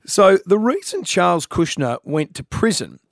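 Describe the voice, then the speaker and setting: A man's voice: high-pitched, very animated, moderate pace, gravelly, no echo, studio quality. A man with an Australian accent hosting breakfast radio in a casual, chatty style. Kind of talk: casual on-air chat.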